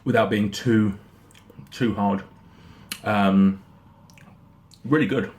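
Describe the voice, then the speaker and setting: A man giving a casual snack review in a halting, rambling way, often repeating himself. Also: lowish voice, steady tone, a little mellow. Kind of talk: casual product review chat. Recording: noticeable background noise.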